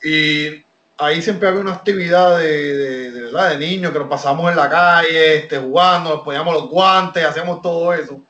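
A Puerto Rican man with a slightly high voice, talking as a guest on an interview podcast. He tells his story in an animated way and often stops to restart a phrase. The room around him gives his voice a roomy echo. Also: a little fast. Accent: Puerto Rican Spanish. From Puerto Rico. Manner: animated, many fillers and restarts. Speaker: wrestler guest.

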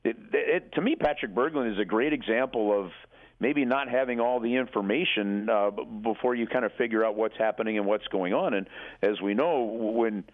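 Over a narrow, tinny phone line, a man gives sports analysis for talk radio. His voice sits fairly low. He explains emphatically, halting and repeating words as he builds his point. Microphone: telephone.

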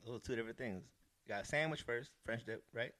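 A man's voice: mid-range voice, fast, a crowd in the background. A man co-hosting a casual podcast, laid-back and crude in his banter. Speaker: podcast co-host. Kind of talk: casual chat.

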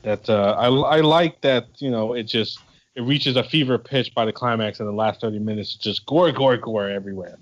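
A man's voice: medium pitch, normal speed, highs cut off, slight background noise. A man on a podcast panel who stumbles over restarts as he agrees. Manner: stammering restarts. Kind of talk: casual film discussion.

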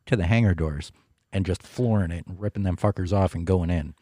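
Deep-voiced brash man at the gaming table. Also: a little fast, mellow, no room sound, studio quality. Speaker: player. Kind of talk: casual tabletop role-play.

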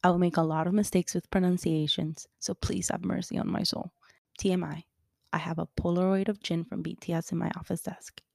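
Female podcast co-host, gravelly fry, mellow tone, scripted delivery. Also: fairly low pitch, flat delivery, fairly quick, no room sound, studio quality. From Colombia-born, raised in Miami.

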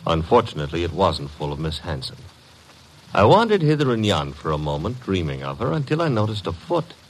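Archie, low-voiced wisecracking detective's sidekick. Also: male voice, huge pitch swings, a little fast, full character voice. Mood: wry narration. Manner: breezy, slangy, wry. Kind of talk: 1940s-1950s radio drama acting and hard-boiled narration. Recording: noisy vintage radio recording.

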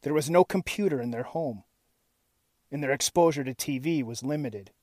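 A man narrating a scripted true-crime story in a suspenseful, measured, serious manner with deliberate dramatic pauses. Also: medium pitch, a little mellow, no room sound, studio quality. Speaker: host and narrator of a missing-persons series.

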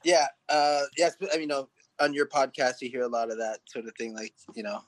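A man's voice: mid-range voice, flat delivery, a little fast, dry recording. A man in his late thirties from San Diego, a podcast guest talking casually with plenty of fillers and restarts. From San Diego, California. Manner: rambling, many fillers and restarts. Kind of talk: casual interview chat.

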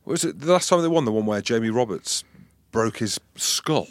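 A man's voice: lowish voice, animated, brisk, no room sound. A man co-hosting a podcast, joking and asking playful questions in casual rugby chat. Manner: joking, quizzical, playful asides. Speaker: podcast co-host.

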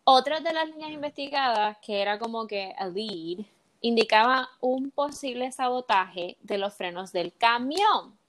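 A woman's voice: fairly high pitch, expressive, unhurried. A young woman casually telling a true-crime case in a chat podcast, slipping English words into her Spanish.

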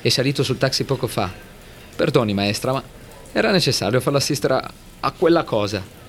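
A man's voice: mid-range voice, lively intonation, fairly quick, close to an everyday voice. A man voicing a polite, apologetic bar owner in an audio drama. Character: deferential male bar owner, adult.

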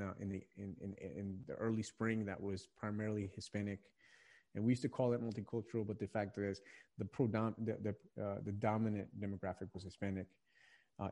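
A young Virginian ministry leader for young adults talks as a podcast guest, earnest and reflective, repeatedly restarting phrases as he searches for words. His voice is on the low side with a dark tone.

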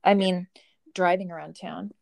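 A woman's voice: on the low side, fairly even intonation, moderate pace, vocal fry, darkish tone, no room sound, clean studio sound. Easygoing woman podcast co-host. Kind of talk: casual chat.

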